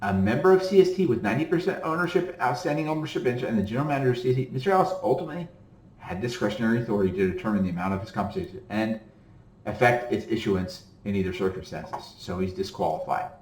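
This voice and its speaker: A man's voice: mid-range voice, lively intonation, very fast, darkish tone. A man with a mid-range voice lectures casually on retirement-account law, reading from a court ruling and stopping often to explain with an "okay?". His voice sounds a little tired. The recording has a roomy echo around it. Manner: reads legal text then breaks off to explain, with frequent "okay?". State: voice tiring. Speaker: attorney teaching about self-directed retirement accounts.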